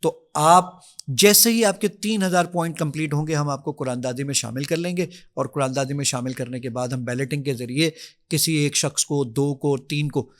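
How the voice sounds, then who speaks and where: A man walks through his app on a podcast, eager and lively, voicing his own requests as he taps. His voice sits fairly high for a man. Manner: energetic, enthusiastic, acts out his own requests. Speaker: app founder giving a demonstration. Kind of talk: podcast guest demonstrating an app.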